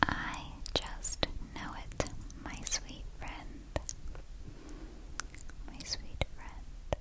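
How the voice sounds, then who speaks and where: A woman gives a whispered ASMR pep talk of positive affirmations in a clicky, breathy whisper, repeating soothing, encouraging phrases. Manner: slow, repetitive, soothing encouragement. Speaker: ASMR host.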